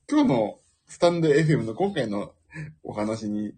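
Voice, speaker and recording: Man, solo talk host, very husky, animated pitch, rambling, self-amused. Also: takes it slowly. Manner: rambling and self-amused, laughing at his own jokes. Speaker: podcast host. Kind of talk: casual solo chat.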